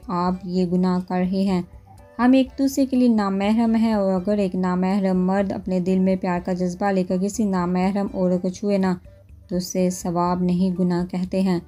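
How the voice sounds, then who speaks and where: A woman's voice: mid-range voice, steady tone, dark tone, soft background music, lightly acted. A woman reading a storybook novel, voicing a frightened young woman who pleads tearfully. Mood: pleading.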